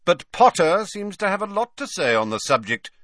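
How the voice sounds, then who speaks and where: A man's voice: high voice, sing-song, moderate pace, fairly bright tone, no room sound, clean studio sound, pitched above the performer's own voice. A man voicing a cold, sneering male teacher with a bored, mocking drawl.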